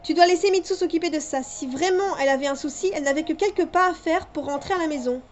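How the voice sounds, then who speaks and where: A woman's voice: sits high, fast talker, lightly acted. A woman reading a protective stepfather. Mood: firm. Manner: firm, protective. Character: protective stepfather, stern then gentle. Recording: dull lo-fi with music behind.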